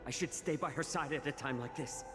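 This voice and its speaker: A man playing a devoted, anguished battlefield healer in a game, speaking with soft-edged urgency and resolve. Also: a little high, a little fast, long reverb tail, music in the background, lightly acted. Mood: anxious concern. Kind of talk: dramatic game voice acting.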